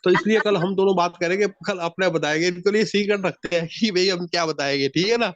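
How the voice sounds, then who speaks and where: High-voiced man leading a call session. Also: a little fast, no room sound, highs cut off. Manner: frequent restarts, interrupts with repeated no. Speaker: session leader. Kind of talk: online group session talk.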